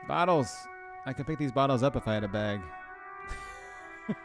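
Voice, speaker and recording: A man's voice: medium pitch, expressive, measured pace, over music. A man streaming a video game, reading the game text aloud and making casual, playful comments to his chat, with frequent swearing and laughing.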